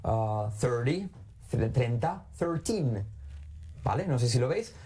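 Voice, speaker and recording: Dark-voiced man teaching English numbers. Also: medium pitch, animated, unhurried, husky. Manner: reads English numbers aloud and explains them in Spanish. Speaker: streamer learning English. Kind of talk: live-streamed study session.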